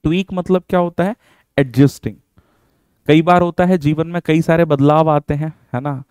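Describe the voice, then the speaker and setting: A man's voice: on the high side, fairly even intonation, moderate pace, a little mellow, clean tone, no echo. Chatty Indian male vocabulary teacher. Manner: chatty and encouraging, mixes English words into Hindi, asks rhetorical questions. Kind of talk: online lesson, explaining words in Hindi.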